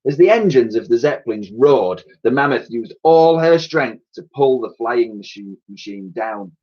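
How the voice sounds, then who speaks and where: A male primary school teacher reads a children's story aloud, his voice lively and swooping across a wide range of pitch. His pitch sits in the middle, and he acts out the sound effects as he goes. The recording is dull and lo-fi. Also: moderate pace, slightly rough. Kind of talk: reading a children's book aloud.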